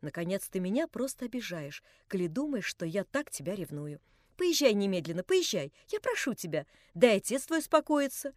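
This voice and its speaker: A woman voicing an anxious, gentle and proud young woman who speaks earnestly and reproachfully. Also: mid-range voice, sing-song, moderate pace, no echo, clean studio sound, lightly acted.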